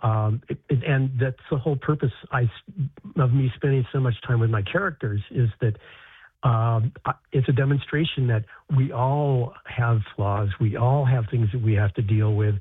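An American man, an author guest, speaking in a halting way with many restarts and repeated words. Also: mid-range voice, husky, no room sound. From United States. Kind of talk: interview conversation. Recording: tinny phone line.

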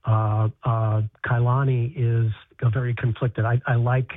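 An American man, an author guest, speaking in a halting way with many restarts and repeated words. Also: mid-range voice, flat delivery, no echo. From United States. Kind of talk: interview conversation. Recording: tinny phone line.

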